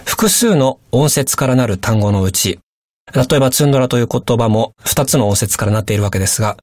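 Man teaching in a lively, animated voice. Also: mid-range voice, no echo, studio quality. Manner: polite, measured explanation. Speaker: language teacher. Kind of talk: radio language lesson.

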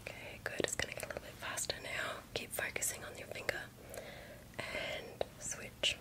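A woman in her twenties performs fast ASMR entirely in a whisper. The sound is breathy and unvoiced, close to the listener. She loops single words and gives short, soft instructions. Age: 20s. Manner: repeats words over and over, giving soft instructions. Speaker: ASMR creator. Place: small bedroom indoors.

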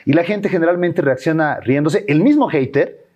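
A man's voice: fairly high pitch, normal speed, breathy edge, lo-fi sound. A young man chatting casually as a talk show guest, slangy and playful, acting out little quoted lines. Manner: animated, slangy, acts out quotes. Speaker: guest content creator. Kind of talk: casual chat.

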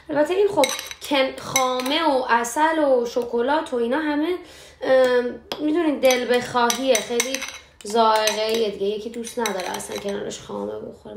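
A young woman hosting a cooking show at home, chatting casually as she explains each step. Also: fairly high pitch. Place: home kitchen. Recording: echoey kitchen, faint background noise.

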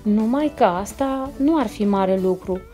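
A woman's voice: medium pitch, expressive, warm tone, faint music behind, natural voice. A woman voicing a sly, scheming female neighbor cat in a children's storybook. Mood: coaxing.

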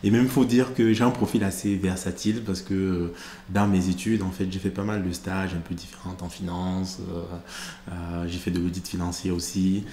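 On a podcast studio set decorated with plants and a glass-block wall, a deep-voiced Cameroon-born man in his thirties, there as an interviewed guest, describes his career into a stand mic. His tone stays even and steady, measured and reflective, with many hesitations and pauses as he collects his thoughts. The audio sounds a touch roomy, with faint hiss beneath it.

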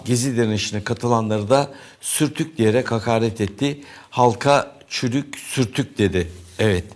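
A man hosting a morning news show, reading newspaper headlines aloud and commenting casually, with frequent pauses and fillers. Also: mid-range voice. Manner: conversational, reads headlines aloud with hesitant fillers. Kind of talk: press review commentary.

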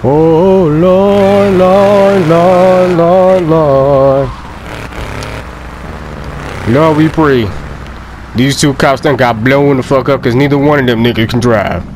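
A young man giving loud, profane, joking let's play commentary and laughing often. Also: a little high, fairly even intonation, slow pace, pauses often, background noise. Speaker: gameplay commentator.

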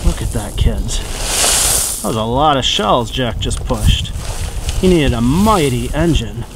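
Filming a child playing with toys on a shell-covered beach, a parent behind the camera narrates cheerfully and encouragingly, addressing the kids watching. Her voice is very deep, lively in intonation, and a little slow. The camera mic picks up noisy outdoor audio full of wind and water.

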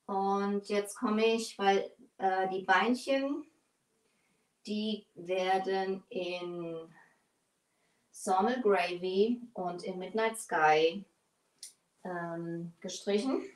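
In a small indoor studio, a woman in her forties with a mid-range voice talks very slowly, pausing often, as she paints furniture at her bench during a live tutorial. She's chatty and bent over her work; a far camera with no visible mic picks her up off-mic in an echoey room.

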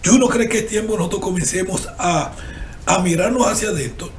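Older guy on a tv panel, high pitched, fired up, asks lots of rhetorical questions, slight hiss. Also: brisk, reverberant. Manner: animated, challenging, rhetorical questions. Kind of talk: TV panel discussion. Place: TV studio. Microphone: desk microphone.

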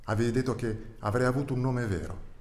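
A man's voice: mid-range voice, fast talker, darkish tone, voice pushed up, lightly acted. A man reading aloud, voicing a naive young male calf who pleads and longs for the outside world. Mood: sad. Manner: pleading, wistful. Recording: roomy echo.

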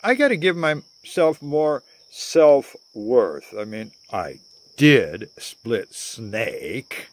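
An older man voicing a dreamy young hippie woman traveler who prays softly and muses aloud, recorded close on a phone camera in a garden outdoors. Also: mid-range voice, big pitch swings, extremely slow, pitched above the performer's own voice, full character voice. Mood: musing.

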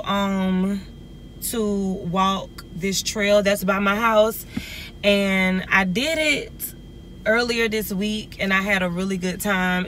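A woman's voice: mid-range voice, a bit bright, a little hiss or hum. A young woman, chatting casually to viewers in a vlog from her phone. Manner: chatty, rambling, addresses viewers as y'all. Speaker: vlogger. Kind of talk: casual vlog chat to camera. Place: home living room, then parked car. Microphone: phone camera at arm's length.

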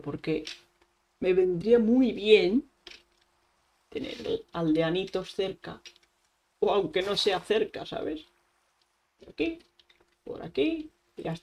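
Slow, playful Spanish woman gamer. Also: medium pitch, darkish tone. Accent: Spain Spanish. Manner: playful, chatty, fond of diminutives; talks straight to viewers. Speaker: gaming channel host. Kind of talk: casual let's-play commentary.

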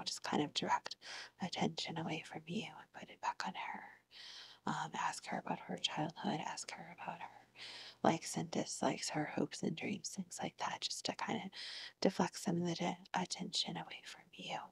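A woman plays a therapist in a whispered role-play. Her voice is very breathy and slips between whisper and soft, creaky speech. She takes her time, soothing and encouraging as a therapist would. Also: lowish voice. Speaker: ASMR performer playing a therapist. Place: living room at home, seated on a couch.

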